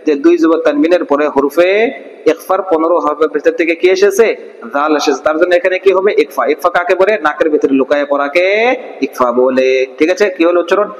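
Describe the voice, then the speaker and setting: A man's voice: a little high, reverberant, big-room sound, poor audio. A man teaching a Quran reading class, asking and answering his own questions and drawing out verses syllable by syllable. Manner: question-and-answer drilling, slow syllable-by-syllable recitation. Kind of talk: online Quran recitation class.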